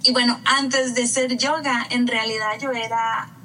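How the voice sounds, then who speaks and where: A woman speaks as a podcast guest in a bright, fairly high voice. She is effusive and mixes in English words. She sits a little back from the microphone. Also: steady tone, unhurried, distant mic, a little hiss or hum, rough recording. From Costa Rica. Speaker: guest, yoga teacher. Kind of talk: casual chat.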